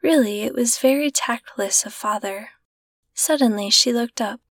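A woman narrating a classic short story in a gentle, measured reading voice. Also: on the high side, no echo. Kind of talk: scripted narration.

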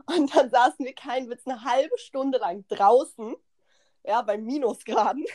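A young woman hosting a podcast, telling a party story in slangy, animated casual chat and acting out what people said. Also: on the high side, unhurried. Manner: animated, slangy, acts out quotes, laughs often. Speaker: podcast host.

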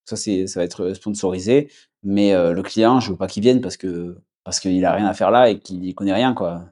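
A young man with a southwest French accent, chatting casually as a podcast guest, relaxed, with many fillers and restarts. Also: deep voice, moderate pace. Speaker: podcast guest, agency founder. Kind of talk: casual conversation.

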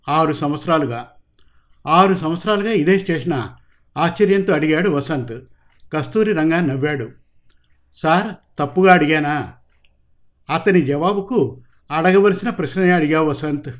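A man reading a police crime novel aloud, giving each character's lines small shifts in delivery. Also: a little high. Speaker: narrator. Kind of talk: audiobook narration of a crime novel.

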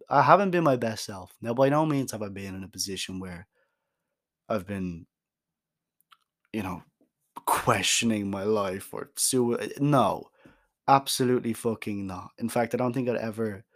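A young man speaks openly into his own podcast mic, frank and emphatic. He swears now and then for emphasis and often restarts his sentences. His voice sits at an ordinary middle pitch. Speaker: podcast host. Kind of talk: candid solo podcast monologue.

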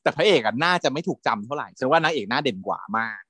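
A man co-hosting a casual chat about TV series, animated and gushing as he talks. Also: mid-range voice, rapid-fire, no room sound, studio quality. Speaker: podcast co-host.

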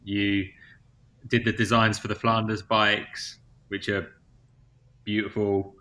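A man's voice: on the low side, flat delivery, slow, sharp tone. A man hosting a casual podcast interview, loose and casual, swearing freely. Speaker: podcast host.

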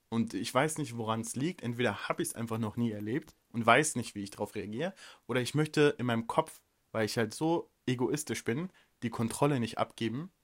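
Male podcast co-host, mid-pitched voice, blunt and direct, casual chat. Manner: frank, direct, rambling with fillers.

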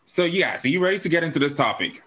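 A man's voice: fairly high pitch, animated, fast talker, a bit bright, husky, rough recording. A man from Africa hosting a casual podcast chat who often checks in with his listeners. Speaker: podcast host.

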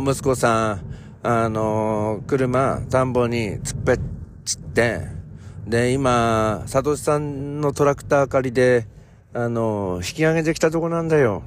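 A man playing a talkative, neighborly rural old man who speaks in a rough Ibaraki dialect. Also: mid-range voice, measured pace, slight background noise, close to an everyday voice. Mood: chatty.

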